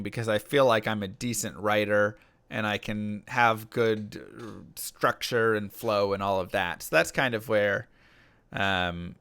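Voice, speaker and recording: With a lowish, slightly bright voice that's clear and resonant, a rapper streams live and chats casually with viewers. He reads their messages aloud and rambles, full of fillers and restarts. No room sound comes through.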